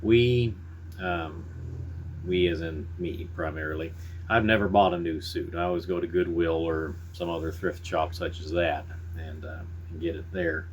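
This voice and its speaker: Very low-voiced man, folksy rambling chat. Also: steady tone, normal speed, a little hiss or hum. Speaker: pipe-smoking vlogger. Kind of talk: casual rambling chat to viewers.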